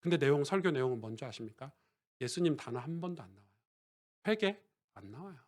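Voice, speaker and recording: A male pastor preaching a sermon, shifting from quiet conversational asides to loud emphatic declarations and asking the congregation questions. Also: medium pitch, lively intonation, quick pace.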